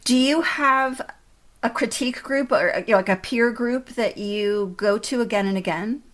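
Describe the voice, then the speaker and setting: A woman interviewer speaking conversationally, with thoughtful and measured phrasing. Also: fairly high pitch, a bit bright.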